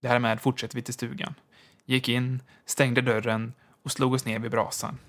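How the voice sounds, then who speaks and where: A man narrating a story in the first person, in a measured storytelling manner. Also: mid-range voice, flat delivery, fairly bright tone. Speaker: audiobook narrator.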